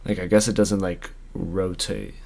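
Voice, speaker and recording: Low-voiced young man, rambling reaction. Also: flat delivery, a little slow, creaky, darkish tone, slight background noise. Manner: rambling, filler-heavy, loose slang. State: tired, yawning late at night. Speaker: reaction video host. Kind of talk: casual reaction commentary.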